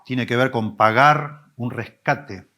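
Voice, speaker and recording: Male pastor, teaching sermon, swings between emphatic rises and quiet low drops, mid-pitched voice. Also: slow. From Argentina. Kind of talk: expository sermon.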